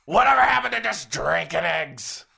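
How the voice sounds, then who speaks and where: Gravelly high man teasing on a podcast. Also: sing-song, normal speed, sharp tone. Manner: teasing, mock-scolding questions.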